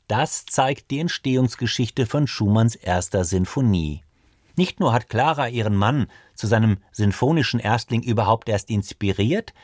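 A male radio presenter reading a scripted feature in a measured, precise way. He is recorded close and dry in a studio, with no room sound. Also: mid-range voice, darkish tone, dry recording.

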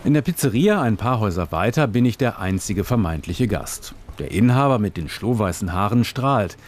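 A male reporter with a fairly low voice reads a scripted radio report. His measured, descriptive narration lays out scenes and background in an even flow, with a slight hiss or hum in the audio.

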